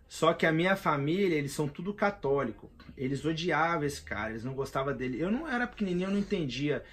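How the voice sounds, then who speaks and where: Emphatic Brazilian man, higher voice. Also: lively intonation, fast, fairly bright tone, a little hiss or hum. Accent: Brazilian Portuguese. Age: 30s. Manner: emphatic, slangy and rambling. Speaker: vlogger. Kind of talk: casual monologue.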